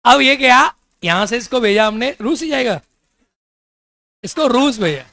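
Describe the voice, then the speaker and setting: Here a man with a very high voice and lively intonation speaks unhurriedly in a sharp tone, no echo. Lecturing his class, he repeatedly questions the students, makes them repeat answers, and teases and jokes while explaining.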